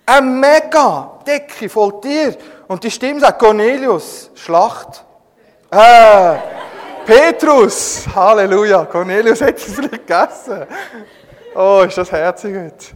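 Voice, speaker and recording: A man's voice: high-pitched, slow pace. A man with a Swiss German accent preaching a sermon, telling the story with humour and calling on listeners by name. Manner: lively, humorous storytelling, addressing listeners by name. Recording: long echoing reverb.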